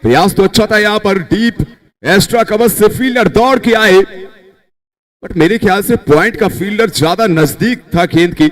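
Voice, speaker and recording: A man giving excited live cricket commentary, his voice leaping up on the big shots. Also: high voice, moderate pace, poor audio.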